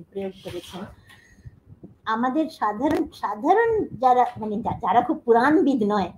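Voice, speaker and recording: A woman's voice: fairly high pitch, warm tone, a little hiss or hum, poor audio. A middle-aged woman professor giving a lecture, explaining animatedly with frequent fillers and restarts.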